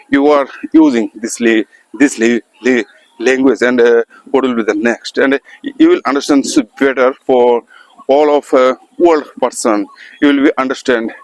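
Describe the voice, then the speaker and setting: A man's voice: mid-range voice, measured pace, no room sound, poor audio. A man, teaching pronunciation in an informal spoken lesson, hesitating often with many fillers and restarts. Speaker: English teacher.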